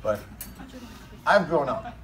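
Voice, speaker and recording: A man's voice: on the high side, big pitch swings, takes it slowly, a bit bright. A man delivering a comedic best man's wedding speech in a joking, teasing, informal manner. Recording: distant mic, noisy room recording.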